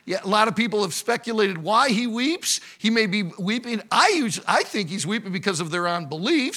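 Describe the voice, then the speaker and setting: Man, pastor, animated sermon, husky, bright, tense. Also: high voice. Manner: animated, conversational preaching with call-and-response.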